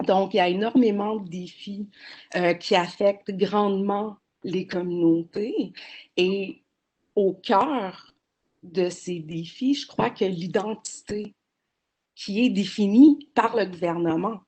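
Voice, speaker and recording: A woman's voice: medium pitch, slow, darkish tone. A woman, speaking as a panelist in a webinar over a video call, earnest and explanatory with frequent hesitations. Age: 40s.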